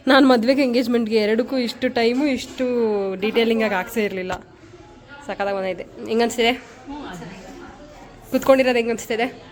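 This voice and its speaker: A young woman talks through her vlog in a busy family home. Her voice sits a little high and lively, and she keeps chatting, laughing and asking the people around her questions. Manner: chatty, laughs often, asks others questions. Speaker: vlogger. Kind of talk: casual vlog chat. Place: family home at an engagement function.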